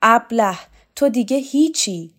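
A woman's voice: fairly high pitch, expressive, darkish tone, pitched above the performer's own voice. A woman voicing a harsh, commanding officer in an audiobook, barking orders. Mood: contemptuous.

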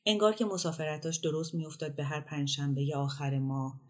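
A woman narrating a literary short story in a calm, measured reading voice. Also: deep voice. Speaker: story reader. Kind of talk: audiobook narration.

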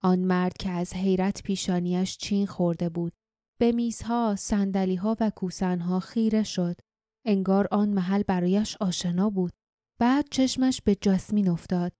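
A woman reads an audiobook in a steady, measured way. Her voice is dark and mellow, and the recording is dry and close with no room sound. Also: medium pitch, no echo. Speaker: audiobook narrator. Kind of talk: scripted audiobook narration.

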